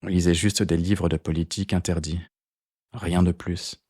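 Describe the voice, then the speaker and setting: A man's voice: deep voice, flat delivery, normal speed, a little mellow, husky, no echo, studio quality. A man reading a determined saxophonist woman. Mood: reminiscing. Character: determined grey-haired woman jazz saxophonist, still young. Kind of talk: audiobook character voice.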